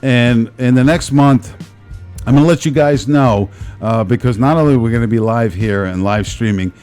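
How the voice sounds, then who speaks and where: A man's voice: medium pitch, normal speed, darkish tone, smooth, soft background music. A man with a Brooklyn accent hosting a talk show in a casual, rambling way, often repeating his phrases. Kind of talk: casual live show chat.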